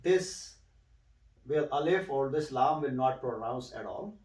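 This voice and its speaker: A man tutoring one student in recitation, patiently explaining and repeating words slowly so the student can echo them. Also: mid-range voice, expressive, a little mellow, recorded from a distance. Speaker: Quran recitation teacher. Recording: roomy, a bit off-mic.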